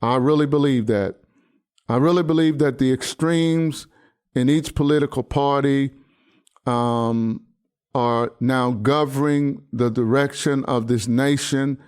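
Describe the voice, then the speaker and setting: Sixties male pastor hosting his own podcast monologue, mid-pitched, resonant, stop-start and sincere. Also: steady tone, darkish tone, clean tone. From United States. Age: 60s. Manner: halting, many restarts and fillers, earnest. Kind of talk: personal commentary monologue.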